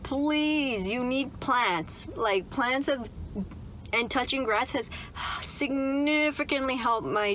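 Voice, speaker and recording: A young Canadian woman vlogs from the seat of a parked car, talking straight into her phone in a casual chat to camera. Her middle-pitched voice is fairly bright, and she rambles in a friendly, upbeat, chatty way, full of "like" and "right?". The rough recording has a faint hiss underneath.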